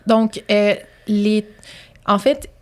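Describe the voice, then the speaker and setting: A woman's voice: medium pitch, steady tone, drawn-out words. A woman in her thirties with a Québécois French accent, a surgeon who tells chatty stories in an interview and laughs often. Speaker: colorectal surgeon guest. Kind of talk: casual interview storytelling.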